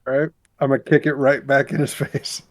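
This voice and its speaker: A man's voice: mid-range voice, level tone, brisk. A man playing a tabletop wrestling game, easygoing as he declares his character's moves. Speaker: player. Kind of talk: casual tabletop play.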